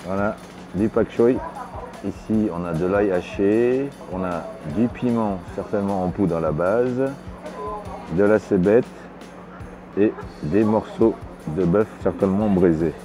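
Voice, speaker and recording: A middle-aged man hosting a food vlog, giving measured, descriptive tasting remarks in a casual way. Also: fairly low pitch. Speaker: food vlogger host. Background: background music.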